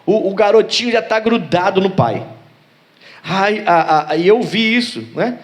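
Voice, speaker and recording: Man, pastor, high-pitched, sermon, storytelling, rhetorical questions. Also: lively intonation, a little slow.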